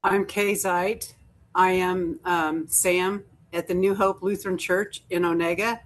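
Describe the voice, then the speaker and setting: A woman's voice: on the low side, fairly even intonation, a little slow. A woman who teaches confirmation, introducing herself earnestly on a video call.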